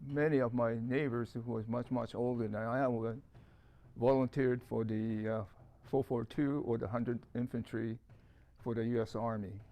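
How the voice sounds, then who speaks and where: An older man from Hawaii giving an oral history, calm and measured with some hesitations. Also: medium pitch. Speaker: witness recalling childhood.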